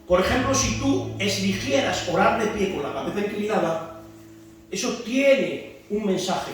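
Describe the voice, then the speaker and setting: High-voiced Spanish preacher, echoey hall. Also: male voice, expressive, unhurried, slight background noise. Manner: preaching with rhetorical questions, rising to shouts. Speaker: pastor teaching a discipleship class. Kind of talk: sermon. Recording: echoey church hall from far off, music behind.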